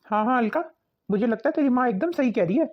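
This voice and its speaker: Cartoon: woman playing a calm older father-in-law, high-ish voice, dull lo-fi sound. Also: quick pace. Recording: dull lo-fi recording.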